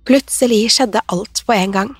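A woman narrating a horror story in a measured, suspenseful way. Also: mid-range voice, husky, dry recording, clean studio sound.

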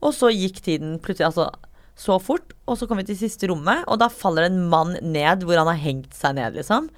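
Young woman in her 20s, storyteller, low-ish voice, swears casually, bursts into shrieks when she acts out quotes. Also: lively intonation.

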